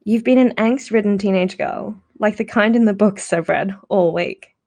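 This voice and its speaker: Woman reader doing a teasing, blunt teen girl, storybook read-aloud, slight fry. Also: mid-range voice, normal speed, a little mellow, lightly acted.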